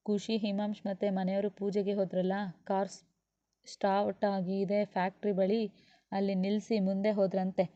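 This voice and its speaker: A woman's voice: medium pitch, little pitch movement, warm tone, no echo, highs cut off, natural voice. A woman voicing a worried young man hurriedly reporting bad news. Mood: anxious. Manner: hurried, anxious.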